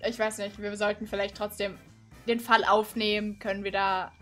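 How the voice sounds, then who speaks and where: A woman's voice: medium pitch, flat delivery, moderate pace, fairly bright tone, soft background music. A woman in her twenties doing casual, improvised role-play as a police officer in a game, talking in a conversational, hesitant way. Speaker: gamer playing a police officer.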